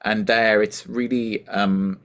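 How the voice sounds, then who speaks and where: A man from Wales with a softened Welsh accent, chatting casually as a musician guest in an interview, self-deprecating and full of fillers. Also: on the low side, level tone, takes it slowly.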